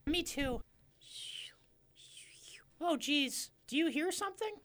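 Excitable comic fisherman, very high voice, easily spooked, exclaiming. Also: takes it slowly, a little hiss or hum, heavily acted. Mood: alarmed. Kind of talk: improvised comedy role-play.

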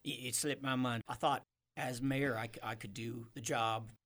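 A performer voicing an earnest merman mayor in improvised comedy, halting as he pleads and reasons. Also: mid-range voice, fairly even intonation, fairly bright tone, lightly acted. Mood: conciliatory. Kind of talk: improvised comedy role-play.

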